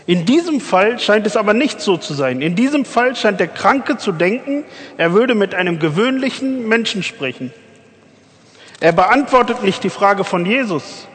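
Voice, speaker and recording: A man's voice: sits high, very animated, normal speed, fairly bright tone, big-room sound. A man preaching a sermon in an earnest way, speaking directly to his listeners.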